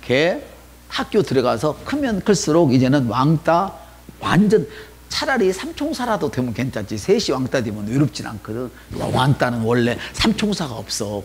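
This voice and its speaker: A male pastor preaching a sermon with lively energy, moving between loud exclamations and hushed asides. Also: mid-range voice, normal speed, a little hiss or hum. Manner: animated preaching, shouting hallelujahs, dropping to whispers.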